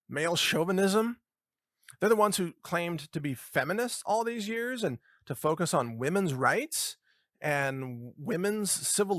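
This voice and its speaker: A middle-aged man delivers a talk show commentary with lively, scornful energy. His voice sits a bit on the high side for a man, and the sound is dry and close, with no room around it. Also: no room sound. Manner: animated, mocking, puts on voices for imagined people. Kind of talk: political commentary monologue.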